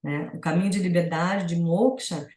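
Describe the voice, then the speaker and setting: A woman's voice: fairly low pitch, moderate pace, darkish tone, reverberant. Brazilian woman giving a reflective talk. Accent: Brazilian Portuguese. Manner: casual and reflective, many fillers like "né?". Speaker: yoga teacher. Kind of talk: teaching satsanga talk.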